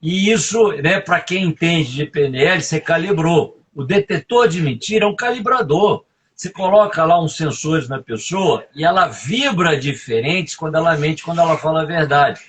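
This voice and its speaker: A man's voice: fairly high pitch, lively intonation, moderate pace, fairly bright tone, husky. A man, giving emphatic leadership advice as a guest in a live interview, often asking "right?". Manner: emphatic, coaching, fond of tag questions.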